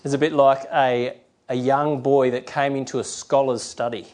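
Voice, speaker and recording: A man's voice: mid-range voice, level tone, moderate pace, darkish tone. A middle-aged man preaching a sermon in a rambling, conversational way, often restarting and acting out quotes.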